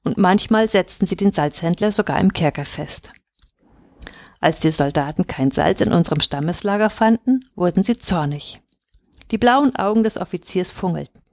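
A woman storyteller telling a tale to children at bedtime, gentle and measured. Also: on the low side, animated, no room sound, studio quality.

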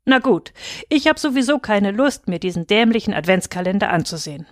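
A woman's voice: mid-range voice, animated, fairly quick, dry recording, clean studio sound, lightly acted. A woman voicing a grumpy, Christmas-hating father in a storybook reading, grumbling and sulky.

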